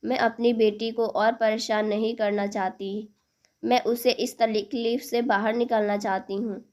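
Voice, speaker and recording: A woman voicing a tearful middle-aged mother pleading with her daughter, speaking slowly. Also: on the high side, little pitch movement, darkish tone, natural voice. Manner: pleading, emotional.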